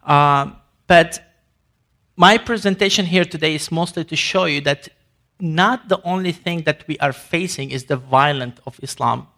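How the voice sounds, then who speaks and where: A man's voice: on the high side, a little slow, sharp tone. A man from Sudan giving an emphatic ministry presentation to an audience, with grammar and frequent restarts. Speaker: ministry speaker.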